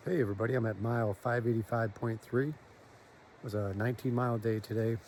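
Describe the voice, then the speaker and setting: A man's voice: mid-range voice, steady tone, fast, noisy background. A man talking casually outdoors for a hiking vlog. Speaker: hiker vlogger. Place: outdoors on a hiking trail or campsite.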